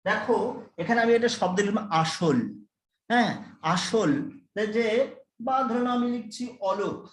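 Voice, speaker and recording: High-voiced male lecturer in an echoey classroom. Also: a bit bright. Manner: explains slowly and repeats key terms, questions students. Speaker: college lecturer.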